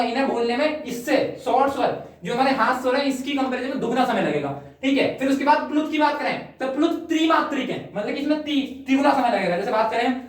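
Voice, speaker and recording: A woman teaching Hindi grammar in an exam-prep lecture. She explains step by step, keeps checking in, and stretches out sample vowel sounds. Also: a little high. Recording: very echoey room, far from the mic.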